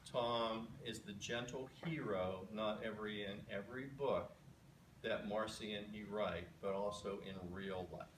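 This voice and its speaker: A man gives a slow, earnest toast in an echoey room. He is far from the mic with noticeable background noise. His pitch is average. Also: steady tone. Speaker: party guest giving a toast. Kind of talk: toast speech. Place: party room.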